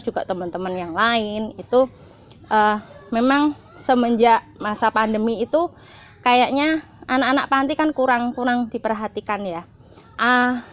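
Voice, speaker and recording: A middle-aged woman, telling a heartfelt personal story as an interview guest, often repeating herself and swinging between bright and hushed. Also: on the high side. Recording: slightly dull lo-fi sound.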